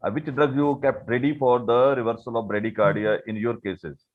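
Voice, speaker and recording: A man's voice: mid-range voice, fairly even intonation, moderate pace. A man with an Indian Punjabi accent, formally questioning a presenter as an examiner in an insistent, probing way. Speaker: examiner at an academic conference. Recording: tinny, phone-like video call.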